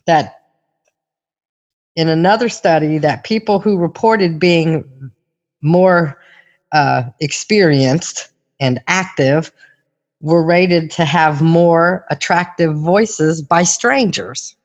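A woman's voice: low voice, takes it slowly. Woman in a long reverb, chatting and explaining. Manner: conversational, explanatory. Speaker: host. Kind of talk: casual chat explaining studies.

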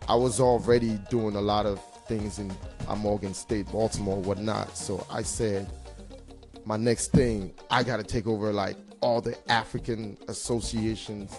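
A man's voice: fairly low pitch, steady tone, normal speed, a little mellow, soft background music. A man telling stories in a casual interview as a DJ and hype man, confident, boastful and slangy. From Cameroon.

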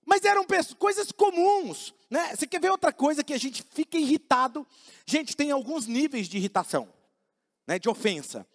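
A man with a strikingly high voice delivers a casual, humorous sermon, acting out short everyday exchanges as he goes. His delivery swings up and down with animated energy. The sound carries a long reverb, as if filling a large church hall. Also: normal speed. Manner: humorous, acts out little dialogues. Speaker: preacher. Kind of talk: conversational sermon.

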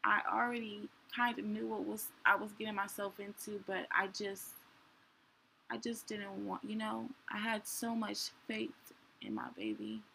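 A woman's voice: mid-range voice, animated, unhurried, creaky, sharp tone, slight background noise, poor audio. A young woman hosting a show, telling her own story candidly in a rambling way with many fillers. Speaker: podcast host. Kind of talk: personal storytelling.

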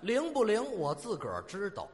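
High, lively boastful crosstalk comedian. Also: male voice, moderate pace, a little hiss or hum. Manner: boastful, teasing, mock-serious. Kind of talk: stage crosstalk performance. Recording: long hall reverb.

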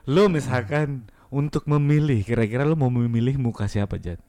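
A man's voice: mid-range voice, normal speed, mellow. A man hosting a casual chat, teasing his guests and laughing often. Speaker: host. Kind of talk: casual banter.

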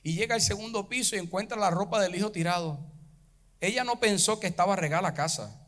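A man's voice: high voice, quick pace, fairly bright tone. A male pastor preaching a fervent sermon to his congregation, rising into chanted preaching at the peaks. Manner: addresses the congregation directly.

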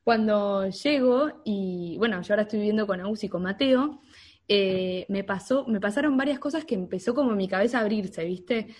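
A woman's voice: mid-range voice, normal speed. A woman with a Rioplatense accent chatting casually, telling anecdotes and acting out quotes. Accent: Rioplatense Spanish. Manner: animated storyteller, acts out quotes. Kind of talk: casual chat.

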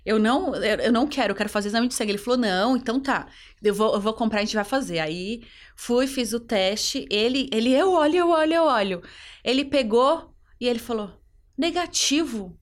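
A woman's voice: a little high, brisk, few pauses. A woman with a Brazilian Portuguese accent, giving an emotional personal testimony in an interview and telling her story earnestly.

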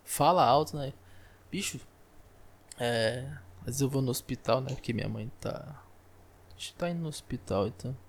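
A man's voice: medium pitch, normal speed, long pauses, a little hiss or hum. A man with a Brazilian accent, hosting a solo podcast and ranting in a profane, exasperated way into a close microphone. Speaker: podcast host.

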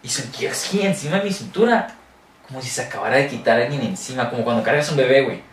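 A young man with a Mexican accent telling a scary story in casual chat and acting out shouts and sound effects. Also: medium pitch, quick pace. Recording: echoey room, mic at a distance, faint noise.

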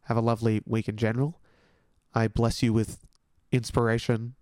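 A young Australian man hosting a podcast, chatting in a rambling, excitable way and swearing casually. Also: mid-range voice, moderate pace, dry recording, clean studio sound. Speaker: podcast host. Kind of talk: casual solo podcast chat.

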